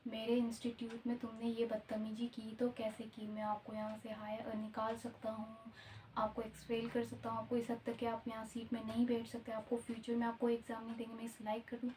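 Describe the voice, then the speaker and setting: A woman's voice: fairly high pitch, completely flat delivery, brisk, dark tone, recorded from a distance, slight background noise, natural voice, low-quality recording. A woman voicing an angry, bossy male coaching director who scolds and threatens a student. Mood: scolding.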